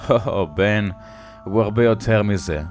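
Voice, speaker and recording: A man voicing an old drunk who gives a hushed, grave warning, in a spoken horror story. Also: lowish voice, soft background music, natural voice. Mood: ominous.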